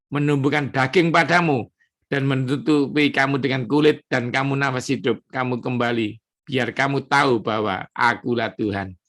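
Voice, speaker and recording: A male pastor delivers an evening prayer sermon. He preaches emphatically, turning from solemn scripture reading to loose, conversational asides to the congregation. His voice sits at a middle pitch for a man. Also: a bit bright.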